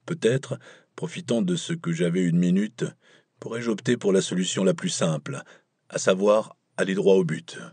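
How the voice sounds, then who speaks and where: A man reads a first-person thriller with a measured, wry delivery. His voice sits very low and sounds husky. The recording is dry, with no room sound. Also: a little mellow, no echo. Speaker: audiobook narrator. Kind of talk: audiobook narration.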